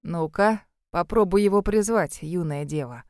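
A crafty old street trader coaxing a customer in a lowered, knowing voice, voiced by a woman reading an audiobook. The tone is smooth and clean. The sound is dry and close. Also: normal speed, a little mellow, no echo, close to an everyday voice. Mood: sly.

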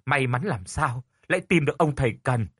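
Narrator doing a wide-eyed village elder; husky, lively. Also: male voice, medium pitch, a little fast, no room sound, studio quality. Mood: relieved.

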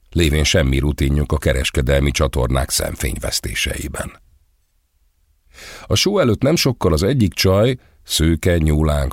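A man's voice: extremely low pitch, a little mellow, no echo, clean studio sound. A man narrating an audiobook in a sardonic, vivid storytelling manner.

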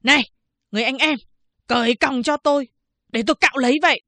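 A woman voicing a proud, defiant man condemned to death, who speaks loudly and indignantly. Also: sits high, fast talker, dry recording, voice pushed up. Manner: loud, commanding, indignant. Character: defiant condemned male prisoner, proud and fiery.

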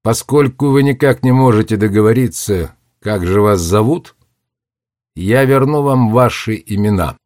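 A calculating warlock gives orders in a low, dry, ironic voice, as a man reads him in a storybook. The voice sits low. The recording is close and dry. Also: measured pace, darkish tone, no echo, lightly acted. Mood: commanding. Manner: commanding, dryly ironic. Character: cold, calculating adult male warlock.

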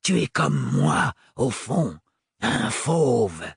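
A man reading an audiobook, voicing a cruel, mocking male villain who draws out his taunts slowly and drops in English words. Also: mid-range voice, sing-song, vocal fry, breathy edge, heavily acted. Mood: taunting. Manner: slow, drawn-out taunting, English words slipped in. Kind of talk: audiobook character voice.

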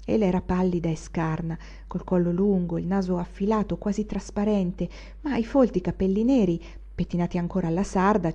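Mellow woman reading a novel. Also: fairly low pitch, lo-fi sound. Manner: measured, expressive reading. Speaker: audiobook reader. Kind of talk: literary audiobook narration.

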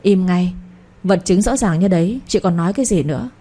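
An old family matriarch, stern and used to being obeyed, as a woman narrator puts her on. She scolds and gives orders in a mellow, breathy tone. It sounds like a read-aloud audio story. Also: fairly low pitch, brisk, close to an everyday voice. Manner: commanding, scolding.

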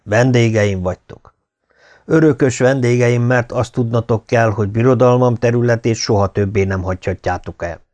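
A man voicing a stately young Inca ruler in an audiobook, speaking in a measured, formal way. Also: medium pitch, a little mellow, close to an everyday voice. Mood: solemn. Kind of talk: audiobook character reading.

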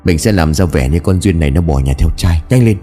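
A man's voice: low voice, expressive, a little fast, dark tone, soft background music, voice pushed down. A man voicing a domineering, scheming old father who curses and barks orders. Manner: barking orders, cursing.

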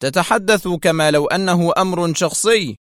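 A man playing a stern male intelligence director in an audio story. His speech is tense and deliberate, firm and guarded, recorded dry with no room sound. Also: high voice, a bit bright, no echo, voice pushed up.

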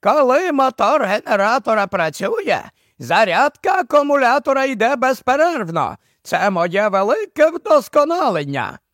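A fussy, excitable old professor-inventor, as an audiobook narrator puts him on, pitched well above the reader's own voice and sounding a little distant. He turns shrill and loud when flustered, in a dry, close recording. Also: normal speed, few pauses, no echo, heavily acted. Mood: pleased.

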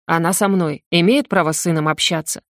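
A woman's voice: fairly low pitch, a little fast, no echo, clean studio sound, lightly acted. Woman voicing a blunt, tense young man. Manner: clipped, commanding.

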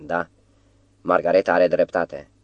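A man's voice: deep voice, little pitch movement, dry recording, highs cut off, lightly acted. A man reading a weary, ironic writer. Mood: exasperated. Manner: ironic, exasperated.

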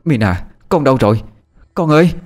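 A man's voice: mid-range voice, lively intonation, brisk, a little mellow, soft background music, voice pushed up, natural voice. A man voicing a desperate young stepmother who cries out and pleads for her child, in a spoken horror story. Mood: frantic. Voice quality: frantic, pleading.

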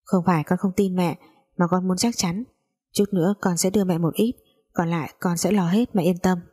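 A woman voicing a gentle, honest young wife who speaks politely and softly, in a storybook reading. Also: lowish voice, fairly even intonation, normal speed, slightly rough. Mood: calm. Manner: soft-spoken, polite.

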